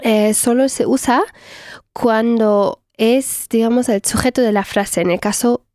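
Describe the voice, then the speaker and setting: A woman's voice: on the high side, steady tone, unhurried, a little mellow, no echo, studio quality. Patient woman teaching German. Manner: patient, encouraging, corrects pronunciation. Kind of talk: one-on-one language lesson.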